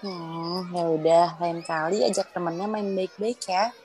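A woman playing a calm kindly mother. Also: on the low side, measured pace, a crowd in the background, background noise, close to an everyday voice. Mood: soothing. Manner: calm, soothing. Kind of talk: children's cartoon drama.

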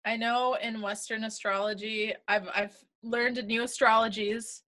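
Woman co-host, casual talk, quick to laugh, salty language, bright and somewhat high voice. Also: little pitch movement. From United States. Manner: laughs often, swears casually, acts out her own past remarks. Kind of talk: casual chat.

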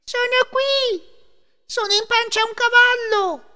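A man voicing a tiny mischievous boy in a shrill, squeaky falsetto for a storytelling reading. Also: fairly even intonation, measured pace, pushed and bright, long reverb tail, exaggerated voice. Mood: shouting.

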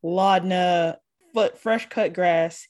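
A woman's voice: fairly low pitch, fairly even intonation, very slow, a little mellow. A woman co-hosting a podcast, recapping a tabletop game episode in casual chat and laughing often. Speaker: podcast co-host. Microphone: podcast mic.

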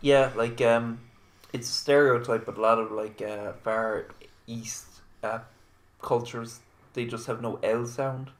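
A man's voice: medium pitch, steady tone, a little slow. A man chatting casually, joking and swearing, acting out quoted lines. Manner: jokey, swears, acts out quotes. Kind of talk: casual chat.

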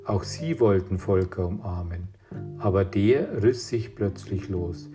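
A man reading a children's adventure audiobook in a measured storytelling manner. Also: low-pitched, dark tone. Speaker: audiobook reader. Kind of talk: scripted narration. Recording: reading over guitar music.

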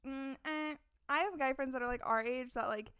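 A woman's voice: sits high, moderate pace, a bit bright, clear, resonant tone, no room sound, clean studio sound. A young American woman co-hosting a casual podcast, candid and fond of playful teasing. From United States. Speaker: podcast co-host. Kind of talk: casual chat.

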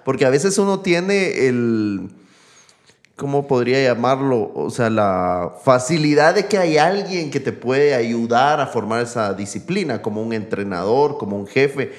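Man, reflective podcast co-host, measured and searching, mid-range voice. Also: medium pitch. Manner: thoughtful, searching for words. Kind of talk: reflective conversational talk.

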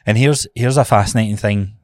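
A man's voice: lowish voice, a little fast, a little mellow, no echo. A Scottish man co-hosting a fitness podcast as a coach, chatting casually in an informal, sweary, motivational way.

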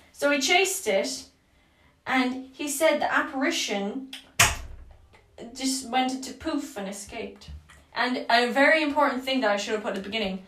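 A woman's voice: mid-range voice, fairly bright tone. A young woman hosting a casual podcast, rambling and joking through her notes with frequent swearing. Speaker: podcast host. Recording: echoey room, mic at a distance.

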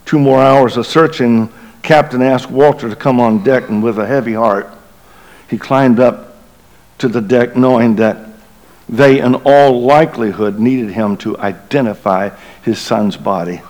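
A middle-aged man, a bishop, preaching a Christmas Eve sermon and telling a story dramatically, sinking to a hushed low voice at tense moments. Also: unhurried, poor audio.

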